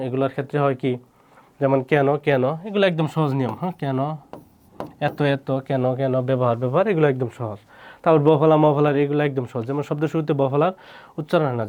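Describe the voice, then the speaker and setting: A man teaching a quick exam-prep grammar lesson, saying each example word twice and checking in with his students. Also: medium pitch, darkish tone.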